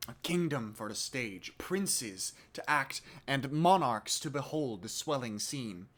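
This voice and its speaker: A man playing a theatrical chorus narrator in a Shakespeare monologue rehearsal, declaiming with slow, swelling emphasis. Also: medium pitch, expressive, fairly bright tone. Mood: grand, rousing. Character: theatrical male chorus narrator of a history play.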